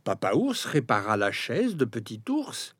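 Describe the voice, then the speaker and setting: A man reading a children's fairy tale aloud, very expressive, and now and then speaking straight to his listeners. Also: mid-range voice, measured pace, husky, no room sound. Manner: expressive, addresses listeners directly. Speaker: storyteller.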